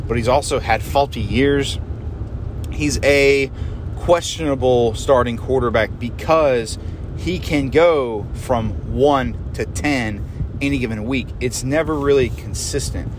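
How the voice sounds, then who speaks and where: Against a noisy background, a medium-pitched male podcast host talks through sports predictions. His casual chat wanders loosely, and he keeps starting over and fixing what he just said.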